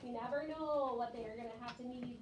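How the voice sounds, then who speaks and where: This woman's pitch is fairly high and her pace fairly quick. She's an elementary school teacher addressing young children, simplifying her explanations and rephrasing them along the way. The far-off classroom recording is echoey and clearly noisy.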